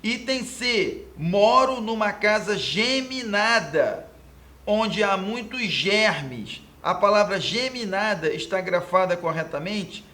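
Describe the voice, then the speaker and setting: A man's voice: sits high, expressive, slow pace, bright, forceful tone. A man from Brazil teaching Portuguese grammar, explaining exam answers step by step and pointing at the board, often asking "ok?" to check his students follow. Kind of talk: exam question walkthrough lesson.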